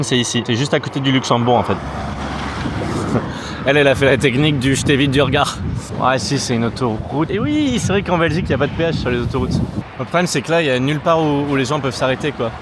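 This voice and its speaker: A French man in his thirties, working as a travel vlogger, talks casually to the camera outdoors beside city roads. His voice is mid-range, with background noise in the recording. He mocks himself and swears now and then.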